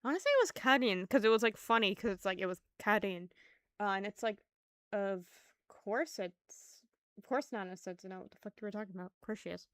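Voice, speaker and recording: A woman's voice: mid-range voice, animated, fairly quick, a bit bright, no room sound. A young woman streaming a game, chatting in a rambling, self-mocking way. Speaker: vtuber streamer. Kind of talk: game commentary.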